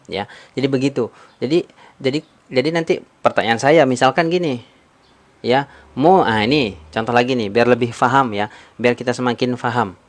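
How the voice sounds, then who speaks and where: Guy teaching tajwid on a live stream, patient, keeps asking the chat questions, mid pitch. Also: normal speed, pauses often. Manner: patient, repeats points, quizzes viewers. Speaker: Quran recitation teacher.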